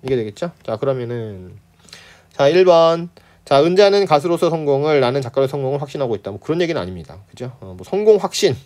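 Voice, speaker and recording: A man's voice: mid-range voice, lively intonation, a little mellow. A man tutoring students through an exam problem set, chatty, often asking "right?" and scoffing at wrong answer choices. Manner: acts out characters in quick playful asides. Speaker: Korean literature tutor. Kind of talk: exam lecture walkthrough.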